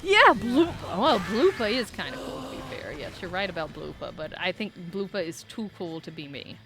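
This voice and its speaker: A woman streaming a speedrun, talking to chat, swinging from frantic yelling to deadpan muttering. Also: mid-range voice, normal speed. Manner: excitable, shifts between frantic yelling and deadpan mumbling.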